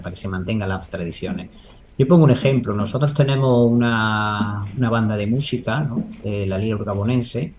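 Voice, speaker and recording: A man's voice: medium pitch, darkish tone. A man answering in a spontaneous interview, earnest and discursive, often adding tag questions to seek agreement. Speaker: local interviewee, Holy Week proclamation speaker. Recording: noticeable background noise.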